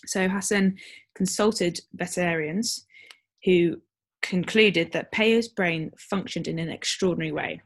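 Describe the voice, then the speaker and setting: Chatty woman podcast co-host, low voice. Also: a little slow. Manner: chatty, laughs often, many fillers. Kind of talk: casual chat.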